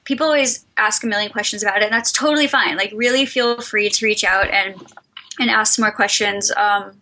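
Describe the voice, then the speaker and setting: Woman, podcast co-host, bright voice, casual earnest advice-giving. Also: mid-range voice, brisk, low-quality recording. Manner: earnest, says "like" and "um" a lot.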